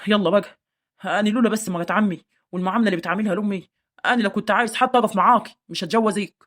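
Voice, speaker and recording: Rapid, smooth-talking scheming young Egyptian village man, voiced by a woman, mid-pitched, persuasive amateur drama role. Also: a bit bright, lightly acted.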